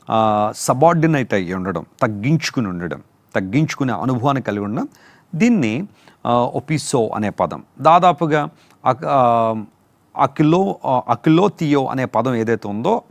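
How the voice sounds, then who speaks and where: Man, pastor, slow repeating sermon delivery, lively pitch. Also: creaky, dry recording. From India. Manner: explains terms slowly, repeating and spelling out each word. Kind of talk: sermon teaching on word meanings.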